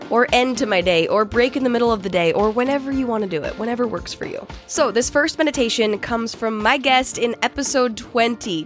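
A woman introduces a podcast segment in a conversational way, leaning on repeated phrases for emphasis. Her voice sits at a medium pitch, with faint music behind it. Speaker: podcast host. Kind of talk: casual scripted podcast introduction.

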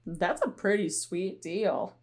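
A woman's voice: mid-range voice, slow, darkish tone. A woman co-hosting a podcast in casual chat, talkative and giggly, with lots of "like". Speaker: podcast co-host.

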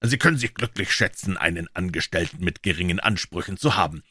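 A man voicing a shrewd, calm detective who explains in a low, measured, quietly assured way in an audiobook. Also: breathy edge, no echo, studio quality, exaggerated voice. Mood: dry. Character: shrewd calm male detective, dryly ironic. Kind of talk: audiobook character voice.

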